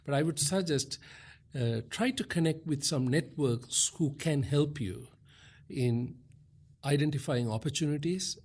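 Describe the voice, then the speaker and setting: Husky man explaining as a podcast guest. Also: a little high, unhurried, darkish tone. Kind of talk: conversational advice in an interview.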